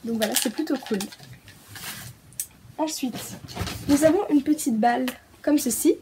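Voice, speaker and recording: A woman's voice: high-pitched, unhurried, mellow, slight background noise. A woman from France casually unboxing a pet-supply haul, hesitant with many fillers and little giggles. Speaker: pet vlogger.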